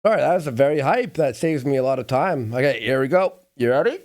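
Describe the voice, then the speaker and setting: A man co-hosting a livestream, talking excitedly and straight to the viewers in casual chat. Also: mid-range voice, fast talker. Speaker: stream co-host.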